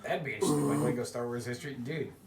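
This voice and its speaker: A young man co-hosting a casual gaming chat, telling lively stories and laughing often. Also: medium pitch, very fast, gravelly, loud music behind the voice. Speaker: podcast co-host. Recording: roomy echo, faint noise.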